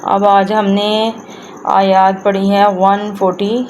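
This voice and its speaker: A woman leads a Quran recitation lesson in a middle-pitched voice. She draws each phrase out slowly and repeats it, then explains the rules in a plain, patient way. A faint hiss of background noise sits under her voice. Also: flat delivery, darkish tone, muffled recording. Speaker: Quran teacher.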